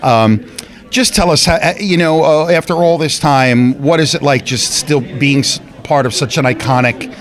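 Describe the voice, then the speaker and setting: A man's voice: fairly high pitch, moderate pace. A middle-aged man hosting an interview, eager and fan-like, often stammering on restarts. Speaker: host, interviewer. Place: convention hall.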